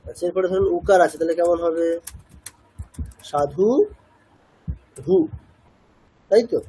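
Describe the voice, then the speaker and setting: Patient high-voiced man teaching. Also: level tone, racing, mellow, breathy edge, rough recording. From India. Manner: patient, asks and answers his own questions. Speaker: Sanskrit chanting teacher. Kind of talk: explanatory class lesson.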